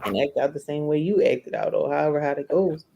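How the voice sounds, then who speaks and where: A woman co-hosting a casual chat, telling stories in a lively way. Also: sits low, fairly quick, gravelly, background noise. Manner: lively storyteller, laughs easily.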